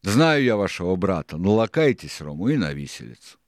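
A man voicing a cunning, domineering older pirate cook in an audiobook, lecturing loudly and scornfully. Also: low voice, sing-song, fairly quick, no echo, studio quality. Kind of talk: audiobook character reading.

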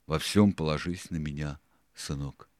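A man voicing a cunning, domineering older pirate cook in an audiobook, lecturing loudly and scornfully. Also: very deep voice, measured pace, dry recording, clean studio sound. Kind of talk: audiobook character reading.

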